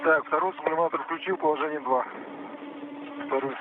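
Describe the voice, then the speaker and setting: A man's voice: on the high side, fairly quick. A man on a crackly spacesuit radio link. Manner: clipped working commands, short confirmations. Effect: crackly space radio link from a suit. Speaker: cosmonaut on a spacewalk. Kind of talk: terse radio callouts during a task. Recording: narrow radio transmission with static.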